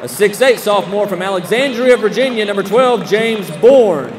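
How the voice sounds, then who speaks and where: Booming names out in drawn-out, showman fashion, a young American PA announcer calls a basketball game from courtside in an indoor arena. His intonation is lively. He uses a desk mic on a short stand, and the sound echoes through the arena PA amid loud crowd noise and ambience.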